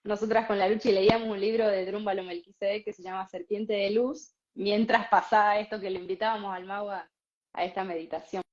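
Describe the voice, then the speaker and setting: A woman, co-hosting and telling a spiritual story in a casual, animated way with frequent laughs. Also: mid-range voice, a little fast. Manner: animated, laughs often, many fillers. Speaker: podcast co-host. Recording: slightly dull lo-fi sound.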